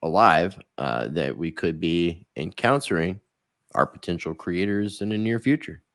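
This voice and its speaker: A man's voice: deep voice, lively intonation, unhurried, fairly bright tone, no echo, clean studio sound. A man speaking as a guest in a casual conversation, with a sarcastic, joking manner. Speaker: guest, online video creator.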